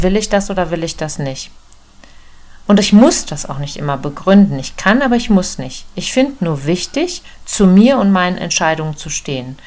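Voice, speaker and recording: A woman giving a personal, direct self-help talk that speaks to the listener as a friend. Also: medium pitch. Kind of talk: casual coaching monologue. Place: room indoors with a door.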